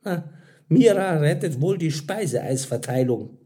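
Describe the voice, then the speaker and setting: A man voicing a calm, witty woman in a read-aloud story, speaking dry and teasing. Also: on the high side, unhurried, pitched above the performer's own voice. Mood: wry.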